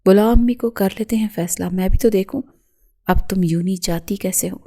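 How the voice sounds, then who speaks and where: A woman voicing a furious, jealous young man who shouts accusations and threats at his fiancée. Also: medium pitch, close to an everyday voice.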